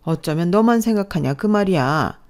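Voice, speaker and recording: A woman's voice: lowish voice, lively intonation, moderate pace, lightly acted. A woman voicing a snobbish, scolding middle-aged mother-in-law who talks down with scorn, in a narrated radio story. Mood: scornful. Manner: scornful, nagging, rising to sharp outbursts.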